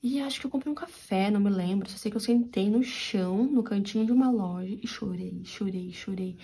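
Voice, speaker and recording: Mellow-voiced Brazilian woman telling a story. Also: mid-range voice, brisk, husky. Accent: São Paulo interior Brazilian Portuguese. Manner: animated, confiding storyteller who addresses viewers directly. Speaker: crochet channel host. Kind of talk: storytelling while crocheting.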